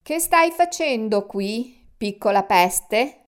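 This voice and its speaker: A woman voicing a gruff adult male dump guard who thunders his words slowly and emphatically. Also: medium pitch, animated. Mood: angry. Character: angry burly male dump guard, booming.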